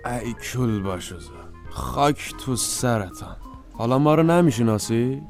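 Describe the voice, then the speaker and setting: A man's voice: medium pitch, lively intonation, a little mellow, soft background music, close to an everyday voice. An actor playing a hapless, bandaged wounded soldier who moans and complains as he tells his misfortunes. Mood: groaning. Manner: moaning, complaining comic storytelling.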